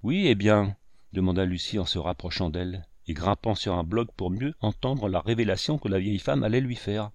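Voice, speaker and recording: A man reading a novel aloud in scripted narration, measured and steady. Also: low voice, dry recording. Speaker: audiobook reader.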